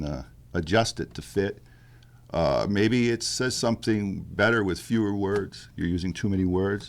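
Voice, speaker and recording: In a casual interview, a musician guest talks in a deep, darkish bass-baritone, pausing thoughtfully with fillers and restarting his sentences.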